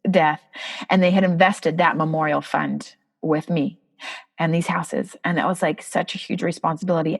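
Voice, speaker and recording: A woman in her thirties, a podcast guest, telling a personal story in an expressive, emotional, conversational way. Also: mid-range voice. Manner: expressive, emotional, animated retelling.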